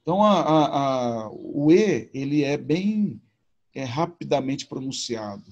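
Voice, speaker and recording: A man's voice: medium pitch, expressive, slow, darkish tone, highs cut off. A man teaching a recorded video lesson, explaining patiently and informally with repetition. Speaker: Hebrew teacher.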